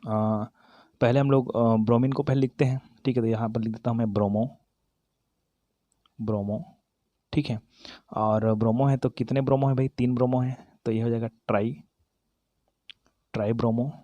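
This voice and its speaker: Male chemistry teacher, mid pitch, dry close recording, quizzes the viewer and self-corrects. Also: steady tone, normal speed, pauses often, warm tone, no room sound. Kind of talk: classroom-style lesson, explaining while writing.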